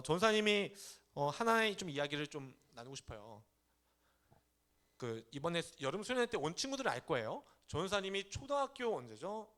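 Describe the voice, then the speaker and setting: A young man, a youth pastor, preaching casually to teenagers and acting out quoted parents and kids. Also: sits high. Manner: animated, acts out parents and teens in quoted voices. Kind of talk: sermon to teenagers. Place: church sanctuary.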